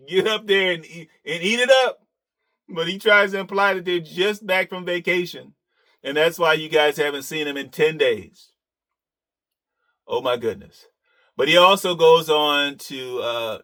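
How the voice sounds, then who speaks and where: A man gives reaction commentary in a crisp, bright tone set a little high. His delivery is sarcastic and needling, punctuated by chuckles at his own digs.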